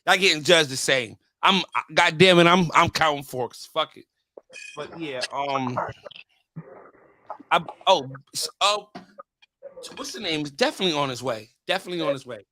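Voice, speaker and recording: A man in casual group banter, talking in an animated, profane way and repeating phrases for emphasis as he hosts. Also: on the high side, normal speed, pauses often, slight background noise. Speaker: host judging a hair wave competition.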